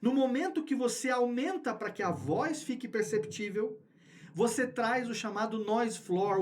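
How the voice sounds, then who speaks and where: Brief: male podcast instructor, high voice, explanatory, repeats points, studio mic. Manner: explanatory, repeats key words for emphasis. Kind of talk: recorded tutorial lesson. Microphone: studio microphone with headphones.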